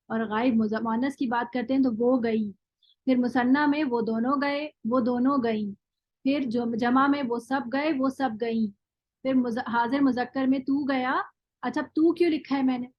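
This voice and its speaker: A woman's voice: high voice, dry recording, muffled recording. A woman teaching Arabic grammar in a classroom lecture, explaining step by step, checking in with her listeners and drilling word forms one by one; her first language is Urdu. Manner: explains step by step, often checks with "thik hai".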